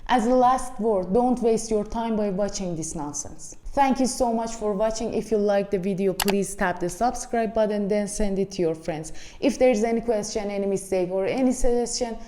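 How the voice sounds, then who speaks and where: A woman from Iran with an Iranian accent gives a frank, blunt film review in casual speech, addressing viewers as friends. Her voice is medium-pitched and warm, moving at a moderate pace with few pauses. The room is echoey, with slight background noise.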